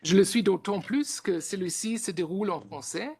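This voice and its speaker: A man's voice: high-pitched, normal speed, a little mellow, slightly rough. A man with a German accent, an institute director giving formal opening remarks at a conference, reading with frequent hesitations.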